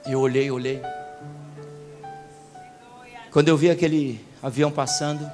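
A man with a Brazilian Portuguese accent preaching a sermon, telling stories in a low voice and then rising to loud shouts. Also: steady tone, brisk, soft background music. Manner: storytelling, swings from quiet to shouting.

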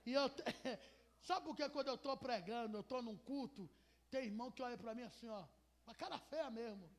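A woman preacher with a deep gravelly voice, preaching an animated, joking sermon and calling out to the congregation. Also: a little fast. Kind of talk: humorous storytelling sermon.

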